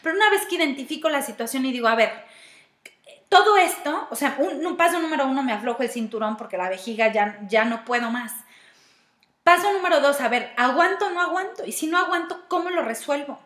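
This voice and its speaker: A woman's voice: sits high, animated, fairly quick, fairly bright tone. A woman with a Mexican Spanish accent giving a reflective self-help talk, walking through steps and asking herself questions aloud. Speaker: speaker giving personal-growth advice. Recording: roomy echo.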